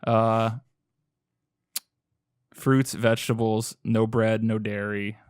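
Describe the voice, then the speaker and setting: A man's voice: lowish voice, flat delivery, clear, resonant tone, no room sound, studio quality. A man from Boston co-hosting a podcast, chatting casually with friends, swearing freely. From Boston area. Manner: chatty, swearing, quick asides. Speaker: podcast co-host.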